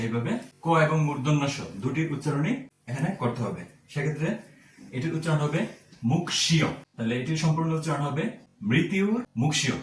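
A man giving a slow, careful pronunciation lesson, spelling words out sound by sound. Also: on the high side, roomy sound, recorded from a distance. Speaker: teacher.

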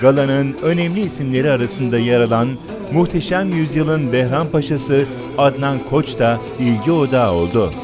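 Male news-feature narrator, medium pitch, scripted delivery, music clearly underneath. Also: normal speed. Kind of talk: scripted event report narration. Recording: voice-over with clear music behind.

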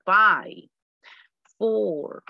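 A woman's voice: medium pitch, drawn-out words, vocal fry, no room sound, muffled recording. A woman from El Salvador, teaching an online English class in a chatty way with lots of examples.

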